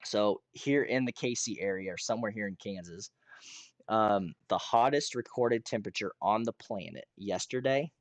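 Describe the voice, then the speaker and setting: An American man with a hoarse, rough throat, chatting casually and ramblingly as he hosts a gaming livestream, often clearing his throat. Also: fairly low pitch, no echo, studio quality. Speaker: streamer hosting a Minecraft realm.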